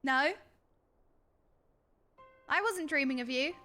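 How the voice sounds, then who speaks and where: A woman livestreaming a video game with playful, excitable commentary and exaggerated reactions. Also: high-pitched, slow pace. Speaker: streamer playing a video game. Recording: game music behind the voice.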